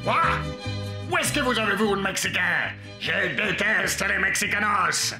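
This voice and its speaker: A man's voice: high voice, expressive, unhurried, roomy sound, over music. A man playing a brash, bossy, cranky costumed gatekeeper in a comic cartoon, exclaiming and swearing. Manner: exclamatory, peppers talk with Spanish swearing.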